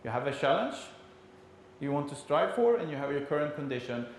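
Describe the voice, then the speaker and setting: A man with a Swedish accent gives a conference talk in a fairly high voice. His delivery is halting and explanatory, and the room is very reverberant, with a faint layer of noise. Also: big pitch swings. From Sweden. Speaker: conference speaker. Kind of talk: conference presentation.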